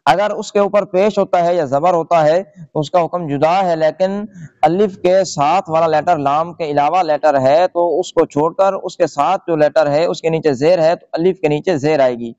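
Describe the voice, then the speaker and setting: A man's voice: fairly high pitch, a little mellow, no room sound. A man teaching Quran reading in a tutorial lesson, patiently explaining rules step by step and checking in with his listeners. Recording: dry, slightly dull lo-fi recording.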